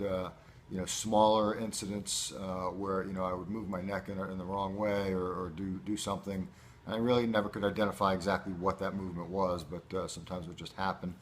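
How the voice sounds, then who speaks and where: A man giving a casual first-person video update as a patient, speaking in a halting, measured, matter-of-fact way. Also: sits low, a bit bright, a little hiss or hum. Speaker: patient recording a recovery update.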